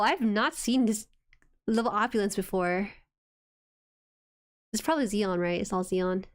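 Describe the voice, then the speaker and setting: A soft-voiced woman of medium pitch hosts an anime watchalong stream, chatting casually and reacting excitably.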